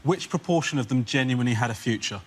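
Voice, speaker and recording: A man, a comedy panellist, who banters in an animated, teasing way in a TV studio. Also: medium pitch, fast. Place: TV studio with audience. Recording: loud audience laughter, noisy.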